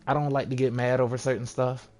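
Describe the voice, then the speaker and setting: A man's voice: mid-range voice, little pitch movement, fast talker, darkish tone. Laid-back young man ranting casually. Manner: laid-back, rambling, sarcastic mock voices. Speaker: vlogger. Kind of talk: casual rant to camera.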